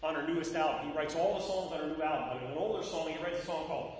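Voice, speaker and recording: A man's voice: fairly high pitch, very fast. A man preaching a sermon, calling out to his listeners and breaking into short sung lines. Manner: preaching with sung snatches and call-outs to listeners. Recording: echoey hall from far off.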